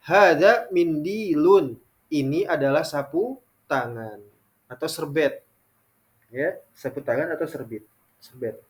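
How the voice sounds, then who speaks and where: A man teaching an online Arabic lesson, reading example sentences slowly and often adding "ya" between phrases. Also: a little high. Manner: frequent filler "ya" between phrases.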